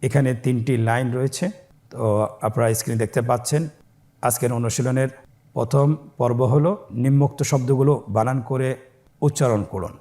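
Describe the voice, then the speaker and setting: A man teaching Quran reading, spelling out letters and vowel marks slowly and asking listeners to repeat after him. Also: medium pitch, steady tone, mellow. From Bangladesh.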